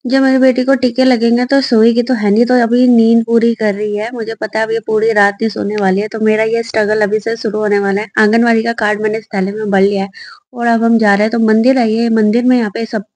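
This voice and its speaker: Young woman vlogger, brisk chatty voice-over, a bit high, dry close mic. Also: flat delivery, a little mellow, dry recording. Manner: chatty, personal, fond of her baby. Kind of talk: casual vlog voice-over narration.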